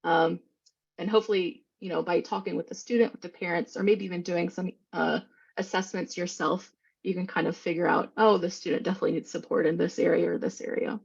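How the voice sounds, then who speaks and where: A woman giving an online training on special education law, explaining quickly and informally with many fillers over a video call. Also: on the low side, fairly even intonation, vocal fry, husky, highs cut off.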